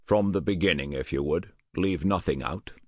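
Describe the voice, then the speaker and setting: A man's voice: low voice, normal speed, no room sound. A man voicing a shrewd, rotund British colonel in his sixties with a faint Scottish trace, asking clipped, dry questions in an audiobook. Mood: dry probing. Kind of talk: audiobook character voice.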